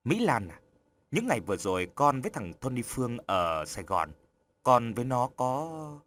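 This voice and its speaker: A man's voice: mid-range voice, very animated, normal speed, fairly bright tone. A man voicing a worried older countrywoman, a mother who presses with questions and exclaims anxiously. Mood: probing. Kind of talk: audiobook character voice.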